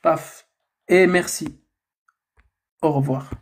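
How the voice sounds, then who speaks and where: A man hosting a heated live debate, arguing in a deliberate way and slowing down to quote scripture. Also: on the high side, fairly even intonation. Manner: argumentative, slow and deliberate when quoting scripture.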